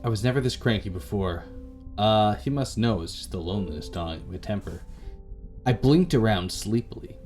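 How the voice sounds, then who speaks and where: With game music in the background, a YouTuber voices a visual novel in a dramatic let's play, repeating any lines he fumbles. He speaks at a moderate pace in a lowish, expressive voice with a darkish tone.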